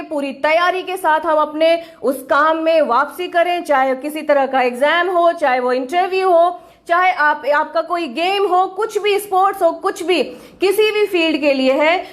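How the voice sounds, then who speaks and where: A woman teaching an online English class, mixing Hindi and English and slowing down to spell out English sentences. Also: sits high, fairly bright tone. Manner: mixes Hindi with English phrases, slows down sharply on English sentences.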